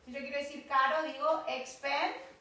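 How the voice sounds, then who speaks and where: A woman's voice: high-pitched, moderate pace, pushed and bright, heavy reverb, far from the mic. A woman with an Argentine Spanish accent teaching an online English lesson, coaxing and prompting her student, repeating words for drills.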